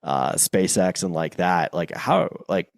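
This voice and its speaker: A man's voice: low-pitched, expressive, measured pace, vocal fry, dry recording, clean studio sound. A male podcast host who asks questions in a laid-back, enthusiastic way. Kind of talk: casual interview.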